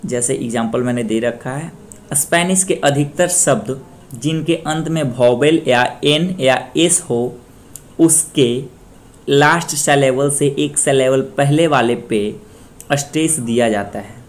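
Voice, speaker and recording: A young man from Bihar, India, teaching a Spanish pronunciation lesson, explaining rules plainly and repeating example words loudly with stressed syllables. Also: mid-range voice, takes it slowly. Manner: plain explanatory tone, mixes English terms into speech. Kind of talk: slow screen-share language lesson.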